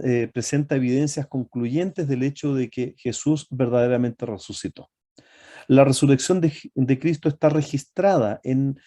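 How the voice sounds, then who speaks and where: A man preaching a sermon to his congregation, often asking them rhetorical questions and pausing on fillers and self-corrections. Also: medium pitch, dark tone.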